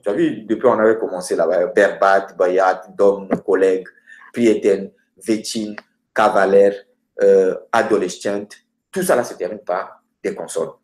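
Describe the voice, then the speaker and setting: Male teacher, lowish voice, halting lesson delivery with slowed examples, recorded in a reverberant room. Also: steady tone, darkish tone. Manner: hesitant, many filler sounds, slows down for example words. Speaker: language teacher. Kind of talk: explaining grammar with word lists. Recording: roomy echoey room.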